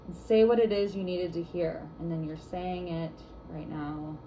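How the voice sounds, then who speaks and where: A woman's voice: fairly low pitch, moderate pace, a crowd in the background, rough recording. A woman instructor teaching a workshop class for massage therapists, guiding and chatty with lots of "like" fillers.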